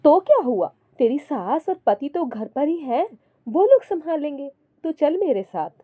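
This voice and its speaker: A woman's voice: sits high, big pitch swings, measured pace, warm tone, pitched above the performer's own voice. A woman voicing a helpful friend who urges in a raised, upbeat voice. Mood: urging. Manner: upbeat, urging. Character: brisk, helpful female friend, factory worker.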